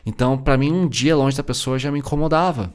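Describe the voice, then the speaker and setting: Fast-talking Brazilian man in his forties. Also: mid-range voice, darkish tone, clean tone. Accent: Brazilian Portuguese. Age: 40s. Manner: chatty, many fillers and asides. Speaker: podcast host and therapist. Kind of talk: casual solo podcast talk.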